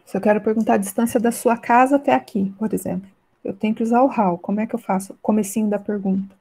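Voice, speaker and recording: Teacher, mellow voice, English examples. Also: female voice, mid-range voice, fairly even intonation. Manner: explains in Portuguese, reads English examples slowly and clearly; keeps checking in with "né?" and "tá?". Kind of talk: online class lesson.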